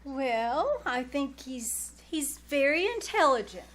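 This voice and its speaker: A woman playing a prim, bashful, bookish aunt, halting and genteel, in 1940s radio comedy style on a live stage recording. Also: sits high, very animated, a bit bright, full character voice. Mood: flustered. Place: small-town theater stage, live performance.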